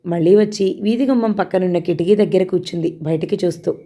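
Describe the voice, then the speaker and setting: Woman narrator for an audio novel, mellow and warm, steady storytelling pace. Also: on the low side, quick pace.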